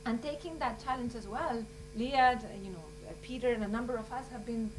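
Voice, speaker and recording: A woman's voice: a little high, brisk. A woman from Chile, giving earnest, rambling closing remarks at a conference. She fills her speech with "you know" and "like.". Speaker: scientist speaking at a conference. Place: conference room. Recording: distant mic with hum.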